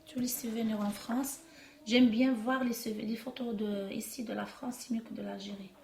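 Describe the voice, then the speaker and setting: A middle-aged woman from Algeria, answering interview questions haltingly, with many restarts and trailing off softly. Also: fairly high pitch, fairly even intonation. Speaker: interviewee, immigrant mother. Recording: echoey room with faint noise.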